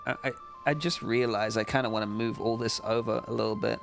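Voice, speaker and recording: A man's voice: medium pitch, steady tone, fairly quick, creaky, over music. A man casually commenting as he plays and judges a game on a live stream, sleepy and wry. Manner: wry, chatty asides. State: sleepy, yawning. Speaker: streamer judging a game jam.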